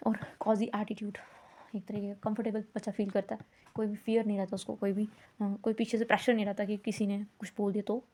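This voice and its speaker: A woman's voice: mid-range voice, little pitch movement, quick pace, dark tone. A woman explaining teaching methods in a lecture, mixing in English terms and often checking in with "है ना?". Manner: mixes English terms into Hindi, frequent "है ना?" checks. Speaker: teacher educator.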